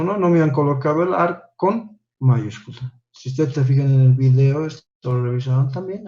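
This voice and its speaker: A man's voice: mid-range voice, a little mellow, muffled recording. A man teaching an English class online, patiently correcting homework and checking in with "¿no?" after each point.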